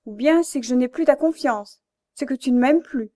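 A woman's voice: sits high, normal speed, mellow, natural voice. A woman doing a pressing, insistent sister. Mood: urgent. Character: insistent, loving older sister.

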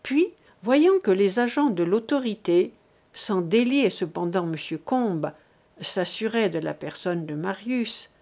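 A woman reading a classic novel aloud as narrator, measured and clear. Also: mid-range voice, lively intonation, mellow. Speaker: audiobook narrator. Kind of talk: scripted literary narration.

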